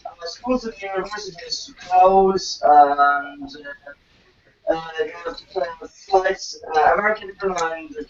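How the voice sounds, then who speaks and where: A man hosting a livestream, giving a halting, hesitant news update over a muffled call line that makes him sound underwater. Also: fairly high pitch. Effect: muffled, underwater-sounding online call audio. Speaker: stream host. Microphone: remote voice call.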